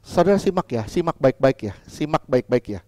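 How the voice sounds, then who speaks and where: In an expressive, somewhat high voice, a pastor preaches briskly, asking his congregation questions and returning to key lines again and again. Loud, emphatic passages give way to quiet asides. There's no echo, and the sound is studio quality.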